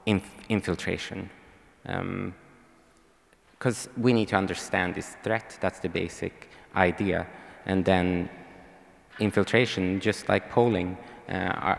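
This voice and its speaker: A young Swedish man with a Swedish accent speaks into a handheld mic on stage in a large hall, his low voice carrying vocal fry. His panel talk is hesitant, packed with ums and restarts, and the recording has a long hall reverb.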